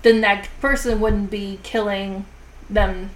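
On a casual horror movie review podcast, the female host speaks somewhat slowly because of a sore jaw. She's chatty and leans on fillers like "like" and "you know," her mid-range voice stays fairly flat in pitch, and the recording sounds poor.

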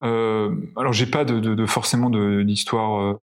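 A man's voice: lowish voice, little pitch movement, moderate pace. A male pilot telling flight anecdotes in a casual interview, hesitant with many fillers and restarts. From France. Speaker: pilot guest.

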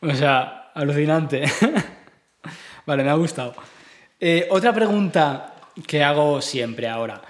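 A man hosting a casual podcast interview, easygoing and quick to react with exclamations. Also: on the high side. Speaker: podcast host.

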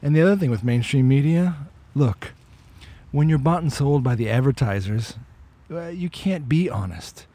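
Hosting a relaxed walk-and-talk podcast outside, this man has a mellow mid-range voice and an animated delivery at normal speed. He shares his opinions conversationally, frequently restarting and repeating words.

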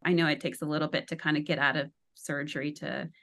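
A woman's voice: low-pitched, fairly even intonation, quick pace, fairly bright tone. A woman hosting a podcast, asking long winding questions. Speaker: podcast host. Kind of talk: empathetic interview questions.

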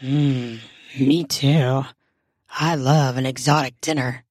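Woman reading a flirtatious husband for an erotic story, low slow murmur, mellow and dry. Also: husky, no echo, exaggerated voice. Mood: flirty. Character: adult man, eager, flirtatious husband. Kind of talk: read-aloud erotica.

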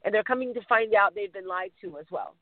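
A man's voice: sits high, animated, fast, dry recording. A man from Mexico answering interview questions in an earnest way, often circling back to rephrase. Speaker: interview guest. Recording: dry, phone-like line.

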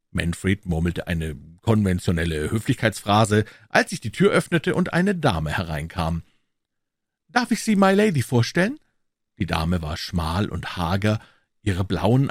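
Deep husky male narrator. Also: no room sound, clean studio sound. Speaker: audiobook narrator. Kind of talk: scripted narration.

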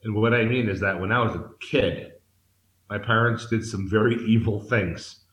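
Speaking at a moderate pace with a fairly low pitch and fairly bright tone, a man in his forties from Massachusetts tells his life story to an interviewer. He's candid, earnest and searching, often restarting his sentences, and the echoey room is in Mexico.

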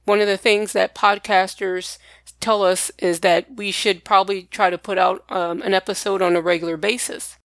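A woman presents a podcast in a mid-pitched voice. She talks plainly and directly to her listeners, as if from prepared notes. The sound is close and dry, with very little room. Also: little pitch movement, normal speed, fairly bright tone, no echo. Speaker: podcast host. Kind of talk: personal podcast talk to listeners, partly scripted.

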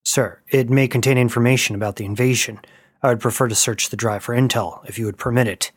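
A man's voice: mid-range voice, fairly even intonation, quick pace, husky, dry recording, studio quality, close to an everyday voice. A man voicing a dutiful male soldier who speaks formally and politely to his officer.

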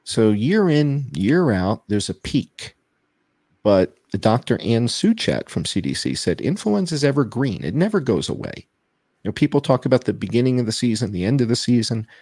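Guest man heard over a video call, husky gravelly voice, lively emphatic delivery, dry sound. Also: lowish voice, no echo. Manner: emphatic, repeats key points. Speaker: guest presenting data. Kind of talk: explanatory interview talk.

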